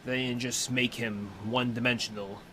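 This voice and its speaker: A man's voice: mid-range voice, flat delivery, normal speed, bright, forceful tone, slight background noise. A young man hosting a watch-along, giving casual reaction commentary full of playful, joking asides.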